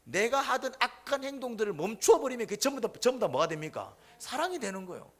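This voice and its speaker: A man preaching a sermon, putting questions to the congregation and answering them himself, swinging between loud and soft. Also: extremely high pitch, sing-song, fast talker. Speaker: pastor.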